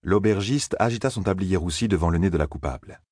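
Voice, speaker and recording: Deep husky male audiobook narrator. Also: a little mellow, no room sound, studio quality. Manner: measured storytelling. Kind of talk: scripted fantasy narration.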